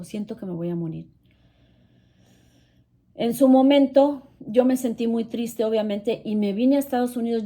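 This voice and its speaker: A woman's voice: medium pitch, mellow. A middle-aged woman telling a painful personal story in an earnest, pained way, often repeating herself. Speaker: channel host sharing her story. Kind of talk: emotional personal testimony.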